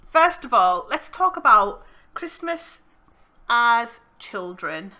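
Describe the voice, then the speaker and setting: A woman's voice: on the high side, very animated, takes it slowly, sharp tone. A woman hosting a podcast, talking in a casual, conversational and giggly way. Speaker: podcast host.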